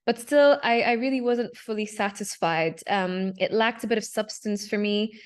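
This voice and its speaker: A young adult woman speaks in a smooth, steady voice of medium pitch at a moderate pace. She's a Palestinian digital artist raised in Dubai, appearing as a panel speaker and casually walking through her artwork on a video call, with fillers and self-corrections along the way.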